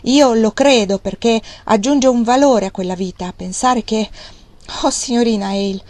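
Woman narrator voicing a proud male mill master, intense, earnest, quietly bitter. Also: a little high, moderate pace, close to an everyday voice. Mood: passionate.

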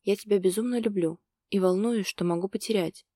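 A woman's voice: medium pitch, fairly quick, warm tone, no room sound, clean studio sound, natural voice. A woman reading the lines of a jealous, possessive young man in love, in a grumbling, brooding way, as part of an audiobook.

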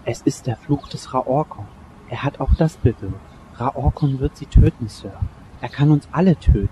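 An actor playing a superstitious male butler in a radio play, speaking slowly and ominously. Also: medium pitch, noisy background, natural voice. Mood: fearful. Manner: slow, ominous.

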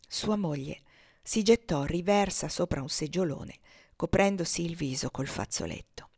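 A woman reading a classic novel aloud in a measured, expressive audiobook style. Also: on the low side, husky. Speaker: audiobook reader.

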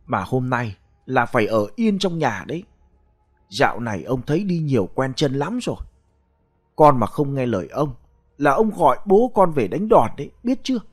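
A fussy old grandfather who scolds and fusses over his family, as a male narrator puts him on. His voice rises high and lively when he scolds. Faint music plays behind him. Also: normal speed. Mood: stern. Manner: raised, scolding.

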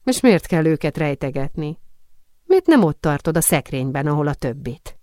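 A woman voicing a lively young woman cousin who is teasing, impatient and curious. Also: low-pitched, dry recording, clean studio sound.

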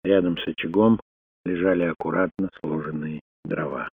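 A man narrating a thriller audiobook in a steady, even reading voice. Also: deep voice, moderate pace, gravelly, husky. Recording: dry, phone-like narrow sound.

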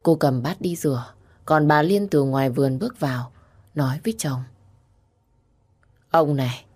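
A woman narrates a family story in a low, deep voice. Her telling is steady and storybook-like. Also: brisk. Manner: reads every character herself, rising to high-pitched cries for the grieving.

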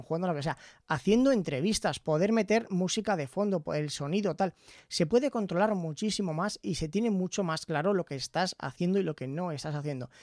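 A man from Zaragoza, Spain, chatting casually into a studio microphone as he reviews his headphones, often tagging his phrases with a quick question. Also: a little high, no echo. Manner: chatty, tags phrases with "¿vale?". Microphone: studio microphone in front of him.

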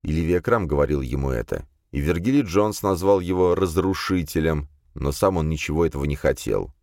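A man reading a novel aloud as an audiobook narrator, in measured, expressive storytelling. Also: extremely low pitch, dry recording, studio quality. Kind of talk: scripted narration.

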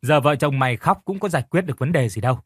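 A man voicing a gruff, fatherly older village man who talks bluntly and bossily. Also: medium pitch, animated, fast talker, no echo, studio quality. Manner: blunt, bossy, scolding. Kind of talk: audiobook character reading.

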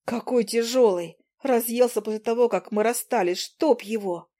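A woman narrating a fantasy audiobook in the first person with lively, expressive storytelling. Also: fairly high pitch, normal speed. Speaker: audiobook reader.

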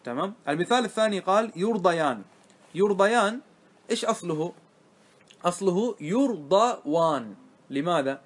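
A man teaching a grammar class to students, often asking them whether it is clear and repeating key words. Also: sits high, expressive, fast talker. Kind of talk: classroom lesson.

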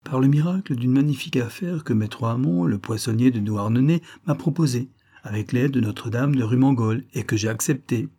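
A man's voice: mid-range voice, fairly quick, mellow, natural voice. A man reading aloud and voicing an eager, boastful young fisherman who stresses his words. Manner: eager, stressing each syllable.

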